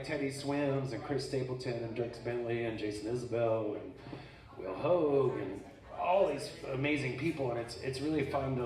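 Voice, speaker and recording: A man performing a live comedic magic act on stage, joking bawdily with audience volunteers. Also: medium pitch. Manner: bawdy, joking crowd banter. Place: live music venue stage. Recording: roomy venue sound from far off. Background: audience laughter.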